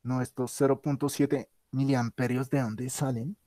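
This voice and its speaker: A man's voice: medium pitch, flat delivery, a little slow, dark tone, no echo, studio quality. A tired male teacher giving an online class, thinking aloud and correcting himself as he works through the board. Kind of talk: online class with a shared whiteboard.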